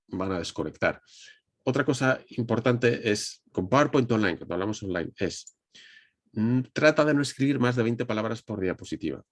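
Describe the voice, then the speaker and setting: Madrid Spanish man, low voice, communication trainer on a webcam, dry close sound, chatty with restarts. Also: dry recording. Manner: conversational, addresses audience directly, frequent restarts. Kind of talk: online presentation lesson. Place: indoors at a desk under a ring light. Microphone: webcam on video call.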